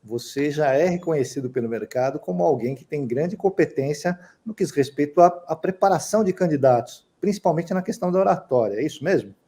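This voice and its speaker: A man's voice: a little high, expressive, fairly quick, few pauses, mellow, husky. A male podcast co-host with a Brazilian Portuguese accent who politely asks the guest questions. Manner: polite, asks questions while apologizing for interrupting. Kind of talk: interview questions.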